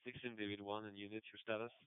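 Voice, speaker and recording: A male police dispatcher coming through a police radio transmission, his lowish voice steady and flat as he reads clipped call codes. The sound is very clean yet squeezed into a narrow, phone-like band, dry with no room around it. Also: fast talker, clean tone, no room sound.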